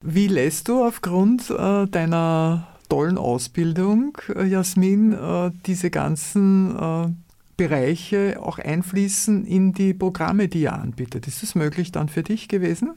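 Hesitant interviewer with a dark voice. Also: mid-range voice, a little slow. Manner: hesitant, many filler sounds. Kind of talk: interview questions.

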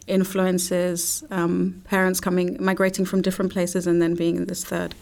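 Low, even-toned woman guest. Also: normal speed, creaky. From London, UK. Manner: thoughtful, searching for words with restarts. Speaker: guest artist and writer. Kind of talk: radio interview conversation. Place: radio studio.

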